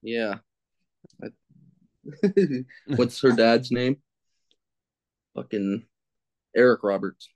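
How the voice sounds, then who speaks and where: Speaking very slowly and pausing often, a man with a medium-pitched, darkish voice is recorded dry. As a film critic guesting on a podcast, he chats casually, fumbles for answers aloud, mocks himself, and curses when he blanks.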